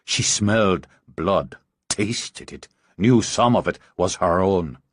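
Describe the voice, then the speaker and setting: A man narrating an audiobook in a dramatic, expressive way. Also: low-pitched, slow, a little hiss or hum.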